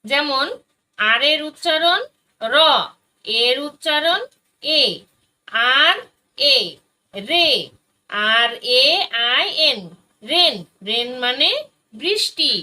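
A woman teaching a phonics lesson for young children, spelling out letters and sounds one by one with patient, deliberate delivery. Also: high voice, pushed and bright, rough recording.

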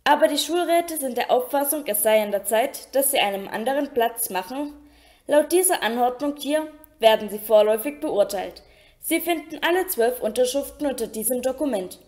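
Lady reading snooty sneering rich guy, offhand and nasty, bit high. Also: animated, normal speed, a little mellow. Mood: smug, sneering. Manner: casual, spiteful. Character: sneering cold aristocratic man.

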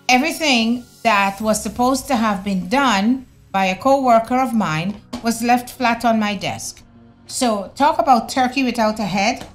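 A middle-aged woman talking to camera in a casual opinion vlog at home, animated and conversational with slangy asides. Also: medium pitch. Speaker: vlogger. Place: home room, indoors. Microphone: fixed camera at desk.

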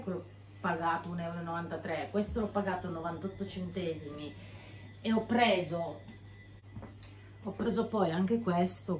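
A woman's voice: on the low side, a little hiss or hum. A middle-aged woman vlogging at home, chatting to a camera across the room about cheap buys and their prices. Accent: Italian. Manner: chatty, explaining purchases and prices. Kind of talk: casual chat to camera. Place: bedroom at home, indoors. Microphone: camera on a stand across the room. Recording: echoey room.

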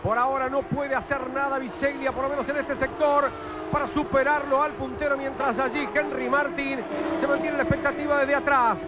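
A man with an Argentine accent giving urgent, excitable live motorsport commentary, often repeating his phrases as the race's lead commentator. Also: extremely high pitch. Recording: loud engine and track noise behind.

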